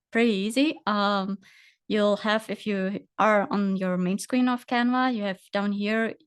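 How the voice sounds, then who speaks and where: A woman walks through a software demo on a video call, stopping often with fillers. Her voice is smooth and clear, and the sound is dry and close. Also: mid-range voice, dry recording. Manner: hesitant, many fillers, talks through on-screen steps. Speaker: guest presenter. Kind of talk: casual screen-share tutorial.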